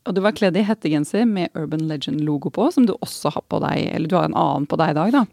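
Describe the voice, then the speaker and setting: A woman interviewer asking lively, teasing questions in a conversational interview. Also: deep voice, creaky, no echo, studio quality.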